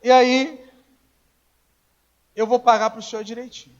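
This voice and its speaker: Man, pastor, high voice, storytelling sermon, acts out dialogue, dull lo-fi recording. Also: little pitch movement, a little slow. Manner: conversational storytelling, acts out dialogue, rises to shouting. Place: church.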